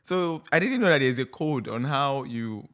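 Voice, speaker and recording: Lively, teasing man. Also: mid-range voice. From Nigeria. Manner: playful and teasing, quick to laugh. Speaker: podcast co-host. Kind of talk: casual chat.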